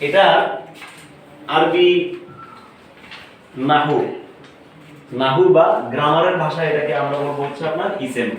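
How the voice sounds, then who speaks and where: A man's voice: a little high, a little slow, pauses often. A man teaching an Arabic lesson, often repeating words and quizzing his listeners on them. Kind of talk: classroom lesson. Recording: echoey room, far from the mic, faint noise.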